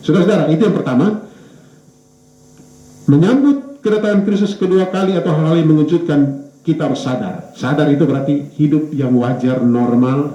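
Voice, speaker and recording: A male pastor preaching a sermon, pausing on fillers and correcting himself, his pitch rising and falling for emphasis. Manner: hesitant, with fillers and self-corrections; lively rise and fall in pitch for emphasis. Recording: echoey church room, dull lo-fi sound.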